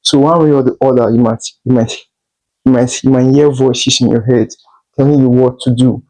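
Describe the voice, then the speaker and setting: A man's voice: mid-range voice, fairly even intonation, normal speed, warm tone, poor audio. A man doing a tarot reading, speaking straight to the listener in a repetitive, reassuring way. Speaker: tarot reader.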